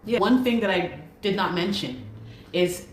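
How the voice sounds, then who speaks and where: A woman's voice: medium pitch, animated, a little slow, a little hiss or hum. A woman from Canada making an urgent, pleading appeal to viewers in a self-made video, repeating herself insistently. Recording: echoey room with faint ambience.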